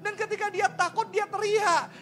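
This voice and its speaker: A man preaching a sermon in a lively, conversational way, tossing rhetorical questions and casual slang at the congregation. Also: very high-pitched, moderate pace. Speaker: pastor.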